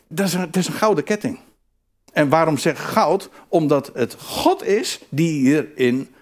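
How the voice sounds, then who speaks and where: A man preaching a sermon, emphatic and repetitive, often restarting his phrases. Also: fairly high pitch. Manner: animated, emphatic, repeats phrases, frequent restarts.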